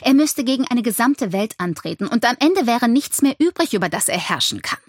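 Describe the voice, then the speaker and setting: A woman narrates a fantasy audiobook in an expressive first-person style. Her voice has a husky, slightly breathy quality. The recording is close and dry. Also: a little high, fairly quick, no room sound.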